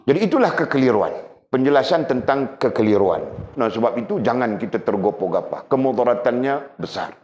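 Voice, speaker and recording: A man with a Sabah Malay accent gives a religious lecture to a class. He is animated, keeps asking rhetorical questions, repeats his words and slips in wry asides. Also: lowish voice, slight background noise. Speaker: religious teacher. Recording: roomy, slightly dull recording.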